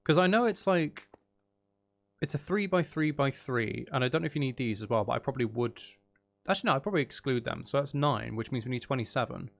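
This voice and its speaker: A streamer hosting his channel talks viewers through his gameplay casually, reasoning out loud and wryly poking fun at his own decisions. His medium-pitched voice is expressive and quick, with noticeable vocal fry.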